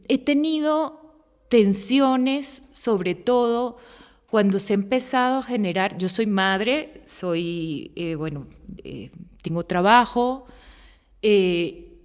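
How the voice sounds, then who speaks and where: An earnest woman in her forties, talking things through in long, searching sentences as a podcast guest. Her voice sits at a middle pitch and carries a long, hall-like reverb. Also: a little mellow. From Venezuela. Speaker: guest, women's rights activist. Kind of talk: podcast interview conversation.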